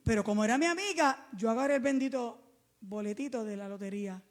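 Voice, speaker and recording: A middle-aged woman from Puerto Rico with a Puerto Rican accent, preaching a sermon fervently to her congregation and swinging between loud and soft. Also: a little high, quick pace. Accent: Puerto Rican Spanish. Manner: fervent preaching, calls listeners amado and hermano, rises and drops in volume.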